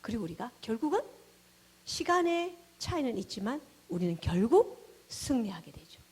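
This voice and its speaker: Woman, pastor, sermon, husky breathy voice, animated swings from hushed to loud. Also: fairly high pitch, normal speed. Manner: animated preaching, dropping to hushed tones and rising to exclamations.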